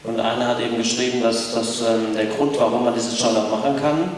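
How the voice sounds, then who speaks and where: A man interpreting live for an audience in a large indoor arena, talking quickly with frequent hesitations. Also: mid-range voice, level tone. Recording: echoey arena, distant mic, noise.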